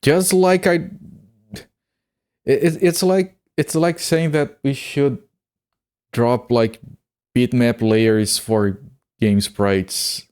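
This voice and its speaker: He speaks in a mid-range, slightly mellow voice that is clear and resonant, very slowly, with long pauses and a steady tone. The talk is loose gaming-stream chatter full of swearing, and he stammers and repeats words at the start of sentences.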